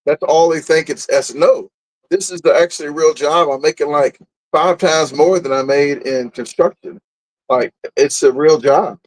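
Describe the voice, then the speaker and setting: A blunt, boastful man, talking casually as an interview guest. His voice sits a little high for a man, and he tends to laugh at himself mid-story. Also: moderate pace, poor audio. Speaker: guest, food and camping content creator.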